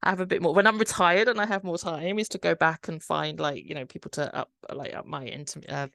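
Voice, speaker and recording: Low-voiced woman explaining patiently. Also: fairly even intonation, fast, vocal fry, a bit bright, no echo, studio quality. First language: Cantonese. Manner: explains step by step, many restarts and "like". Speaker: podcast host. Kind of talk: casual chat.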